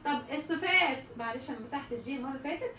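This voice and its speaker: A woman's voice: sits high, racing, pushed and bright, reverberant, distant mic, a little hiss or hum. A woman with an Egyptian Arabic accent teaching how letters are pronounced in Quran recitation, asking questions and answering them herself. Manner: rhetorical questions answered herself, repeats sample sounds. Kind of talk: explaining tajweed letter articulation.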